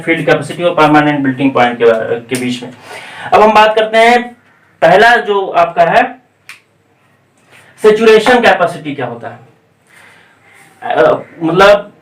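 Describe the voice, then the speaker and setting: A male coaching teacher lectures in a classroom, walking through each idea step by step and checking in with the class. He slows down to dictate English technical definitions. His fairly high voice is picked up from a distance, with a lot of room echo. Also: fairly bright tone. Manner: explains step by step, checking in with repeated "theek hai". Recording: echoey room, voice off-mic.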